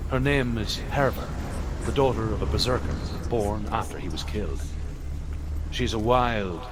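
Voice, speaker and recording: A male actor as a solemn spirit guide from a video game, telling old legends in a low voice. The delivery is deliberate and dramatic, over clearly audible ambient noise. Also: natural voice. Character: grave male storyteller spirit guide recounting Norse legends. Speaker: storyteller and guide character. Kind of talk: dramatic scripted storytelling.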